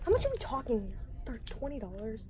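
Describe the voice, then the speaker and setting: A woman's voice: a little high, big pitch swings, quick pace, mellow, a little hiss or hum. A teenage girl chatting casually while filming a shopping vlog on a handheld phone in a large store, joking and saying "like" a lot. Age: teens. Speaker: vlogger. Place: large retail store, indoors. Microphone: handheld phone at arm's length.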